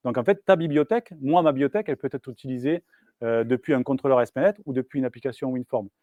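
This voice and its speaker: A man's voice: medium pitch, quick pace, darkish tone, dry recording, muffled recording. Man, tech meetup talk, casual with lots of fillers, dry close sound. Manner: casual, hesitant, many fillers and restarts. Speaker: software engineer giving a meetup talk. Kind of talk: live technical presentation. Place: meetup room.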